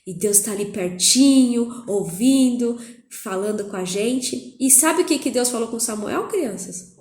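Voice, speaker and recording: A woman with a Brazilian Portuguese accent, a Sunday school teacher telling a Bible story to children in an animated, coaxing way. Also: fairly high pitch, a little slow. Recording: echoey room.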